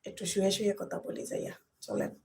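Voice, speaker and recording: A woman's voice: fast, mellow, a little hiss or hum. A woman chatting casually with viewers on a live stream, reading out comments and addressing them by name in a homely way.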